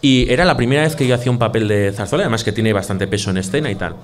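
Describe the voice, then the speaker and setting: A man's voice: mid-range voice, very fast. A man with a Basque Spanish accent, hosting a podcast in a casual chat, joking and telling anecdotes. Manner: jokey, teasing, tells anecdotes. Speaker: podcast host.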